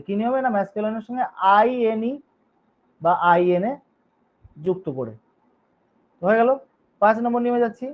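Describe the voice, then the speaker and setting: A male teacher giving a grammar lesson. He spells words out letter by letter, reads each rule in English, explains it, and keeps checking in with his students. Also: high-pitched. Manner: reads rules in English, then explains them in Bengali. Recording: dull lo-fi recording.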